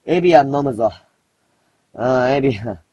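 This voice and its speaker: A man in his thirties chatting casually on a late-night live stream, mumbling low and then breaking into loud, rough outbursts. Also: lively intonation, normal speed, dry recording, highs cut off. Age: 30s. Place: dim room at home.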